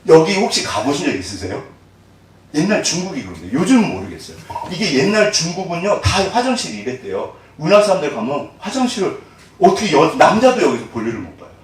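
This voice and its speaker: A middle-aged man preaching a sermon as pastor, animated, telling the story with rhetorical questions and acted-out voices. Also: a little high, fast, a little hiss or hum. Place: church sanctuary. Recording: very echoey hall, distant mic.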